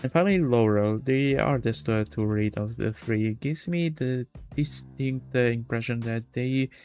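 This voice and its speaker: This is a game stream where a man of medium pitch and darkish tone reads through a visual novel, commenting casually as he goes. He reads haltingly, frequently stumbling and repeating words, while game music plays underneath.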